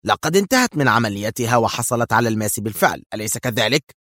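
A man voicing a stern male commander in an audiobook, speaking curtly in a lowered voice. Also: animated, fast, a bit bright, no echo, studio quality. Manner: stern, curt.

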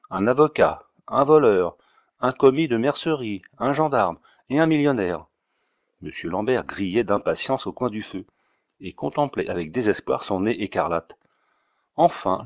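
A man narrating a classic story in a measured, expressive storytelling manner. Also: fairly low pitch, dry recording, studio quality. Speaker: audiobook narrator. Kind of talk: literary narration.

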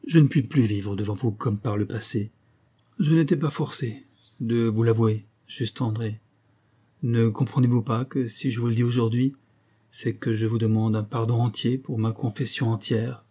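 A man reading an audiobook and voicing a remorseful young wife, who speaks softly, humbly and imploringly. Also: mid-range voice, fairly even intonation, normal speed, slightly rough, lightly acted. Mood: pleading. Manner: soft, imploring and contrite.

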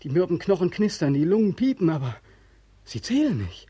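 Haunted soldier, accusing, husky, high-pitched, 1940s radio drama. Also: male voice, big pitch swings, fairly quick, lo-fi sound, heavily acted. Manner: intense, accusing, swings from hushed to loud. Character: haunted young male soldier back from war, bitter and sleepless. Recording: old radio drama recording.

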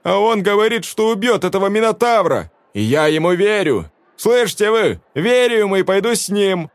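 A man reading a story aloud voices a desperate young woman who shouts through tears at a cowering crowd. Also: medium pitch, big pitch swings, normal speed, no room sound, voice pushed up, natural voice. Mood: tearful fury. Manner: shouting, tearful, defiant.

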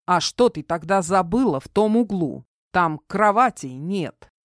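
A woman reading an audiobook, voicing a gruff young man who grumbles and teases dryly. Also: lowish voice, expressive, measured pace, no room sound, clean studio sound. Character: young man survivor, gruff, wry and protective.

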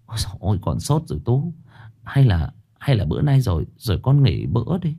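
A man voicing a kind old neighbor woman in a told ghost story, soft and pleading. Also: on the high side, wildly swooping pitch, a little slow, pitched above the performer's own voice, heavily acted. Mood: tender. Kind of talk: storytelling with character voices.

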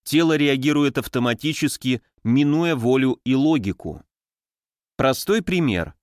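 A man giving a calm, measured psychology lesson, speaking directly to the listener in scripted narration. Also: medium pitch, no room sound, clean studio sound. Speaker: psychology lecturer.

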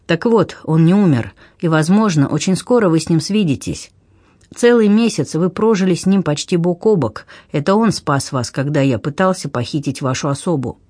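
A man's voice: on the high side, normal speed, darkish tone, no echo, clean studio sound, close to an everyday voice. A man voicing a bitter, insistent captain. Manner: earnest, insistent pleading. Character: bitter middle-aged male sea captain. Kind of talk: audiobook character reading.

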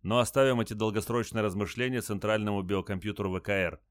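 A man's voice: fairly low pitch, fairly even intonation, fast talker, no echo, clean studio sound, close to an everyday voice. A man voicing a stern, commanding starship captain in an audiobook. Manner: firm, commanding.

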